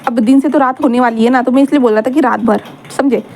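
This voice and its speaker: Woman doing a reassuring young male lover for an audio story; coaxing, high, brisk. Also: steady tone, darkish tone, a little hiss or hum. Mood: tender.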